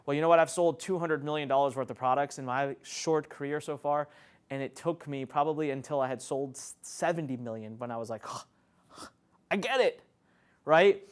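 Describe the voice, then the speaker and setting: A man's voice: brisk, smooth. A man teaching an online marketing lesson, enthusiastic and conversational, laughing often as he talks. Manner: enthusiastic, swoops up and down in pitch, frequent laughs. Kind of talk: energetic teaching talk to camera.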